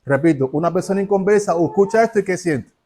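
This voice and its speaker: Male preacher, fairly high pitch; sermon delivery full of rhetorical questions and acted-out exchanges. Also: fast, mellow. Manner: asks rhetorical questions and acts out dialogues.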